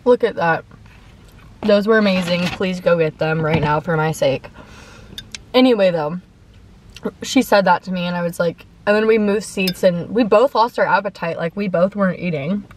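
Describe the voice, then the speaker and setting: A woman's voice: on the low side, normal speed, slight background noise. A young woman telling a story in casual chat between bites of food, peppering her talk with "like", recorded in a parked car. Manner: chatty, heavy use of "like", talks between bites. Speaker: mukbang vlogger. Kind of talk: casual storytime while eating. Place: parked car in a parking lot.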